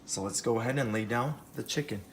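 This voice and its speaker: A man's voice: mid-range voice, fast talker, a little hiss or hum. A man hosting a home cooking video, upbeat and enthusiastic, talking straight to his viewers from the kitchen. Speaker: cooking show host. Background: oil frying and sizzling.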